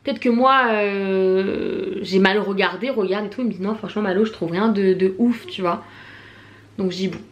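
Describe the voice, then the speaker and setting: A young woman with a French accent chatting casually in a shopping haul vlog, full of slang, fillers and lively asides. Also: mid-range voice, moderate pace, dull audio. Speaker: vlogger.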